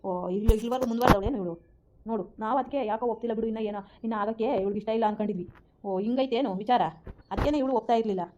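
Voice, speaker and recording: A woman's voice: fairly high pitch, rapid-fire, mellow, highs cut off, slight background noise, close to an everyday voice. Furious mother-in-law, played by a woman: scolding and threatening, talks at breakneck speed. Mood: outraged. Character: furious middle-aged mother-in-law guarding family honour.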